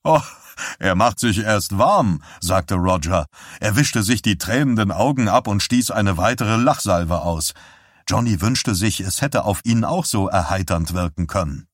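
A man narrating an audiobook in an expressive storytelling reading, on a close studio microphone. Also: low voice, moderate pace, no echo.

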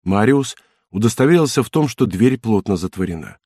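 A man with a lowish voice narrates an audiobook, telling the story in a calm, measured way. The recording is dry and of studio quality.

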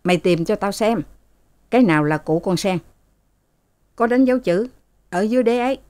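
In a storybook reading, a woman voices a bossy, harsh rich mistress who haughtily scolds her servants. Her mid-range voice is expressive and darkish in tone, close to everyday speech, at a normal speed.

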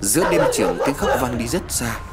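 A man narrating a ghost story in a dramatic, expressive reading. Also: medium pitch, a little fast. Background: faint background music.

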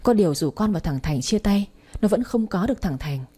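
A woman reading a first-person story aloud, with a steady, emotional delivery and dramatic pauses. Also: mid-range voice, breathy edge.

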